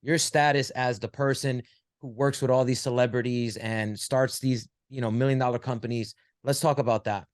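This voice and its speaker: A man's voice: mid-range voice, steady tone, normal speed, dry recording, clean studio sound. A man hosting an interview show, making emphatic rhetorical points and asking probing questions. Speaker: talk show host, interviewer. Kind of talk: conversational interview.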